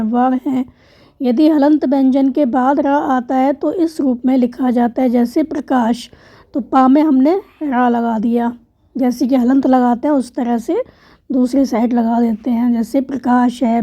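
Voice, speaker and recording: A woman's voice: sits high, warm tone. A woman teacher patiently explaining a language exercise step by step, spelling out letters and word parts one at a time. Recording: dull lo-fi sound.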